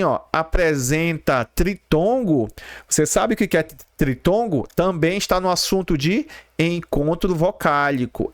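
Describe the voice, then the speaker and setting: A man's voice: a little high, dry recording, clean studio sound. A man with a Brazilian Portuguese accent teaching an exam-prep grammar lesson, explaining step by step and repeating key terms while checking in with viewers.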